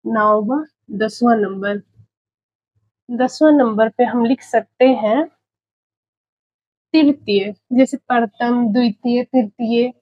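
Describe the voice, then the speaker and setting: A woman's voice: on the high side, no room sound. A woman teaching a spelling lesson for exam prep, saying each example word several times while she writes and checking in with her students. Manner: checks in with students, calls them "बच्चे". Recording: dull lo-fi recording.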